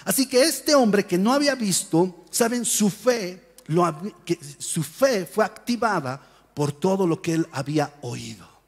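High-voiced animated male pastor, echoing hall. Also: measured pace. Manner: animated storytelling, acts out voices and shouts. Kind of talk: sermon. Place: church hall.

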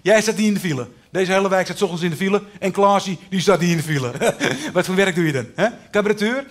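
Man voicing a contractor, cabaret sketch character, high-pitched, brash, overly familiar, repetitive sales patter. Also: expressive, fast. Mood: pushy, upselling. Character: pushy chummy male contractor, upselling. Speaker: contractor inspecting a house.

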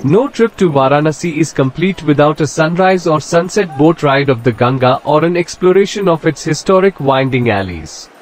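A man's voice: on the high side, moderate pace, few pauses, slight background noise. Man narrating a travel voice-over. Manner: even, informative guidebook delivery. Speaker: travel vlogger.

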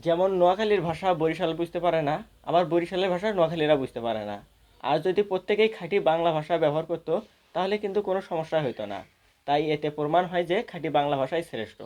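A man's voice: fairly high pitch, fast, darkish tone. A man giving a formal debate speech in a lecturing, point-by-point manner. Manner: formal, lecturing, counts off figures.

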